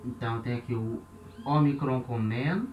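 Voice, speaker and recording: A man's voice: mid-range voice, normal speed, recorded from a distance, dull audio. Brazilian man teaching in an echoey room. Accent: Brazilian Portuguese. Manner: explains step by step, counting aloud, with frequent checks like "né?". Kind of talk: classroom lesson at a board. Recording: roomy echo, off-mic, faint hiss.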